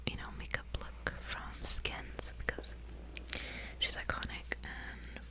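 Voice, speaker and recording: A woman ASMR video creator and reader whispers slowly in a breathy, unvoiced whisper, repeating words and short phrases as triggers. The clip mixes intimate casual chat with reading aloud, and the audio quality is poor.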